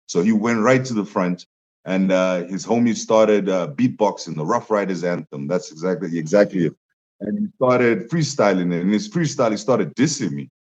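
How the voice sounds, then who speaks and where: On a dull lo-fi recording, a young man who is a musician guest speaks at a normal speed in a low, slightly mellow voice. Animated and laughing frequently, he tells stories in a casual interview, raising his voice sharply for quotes.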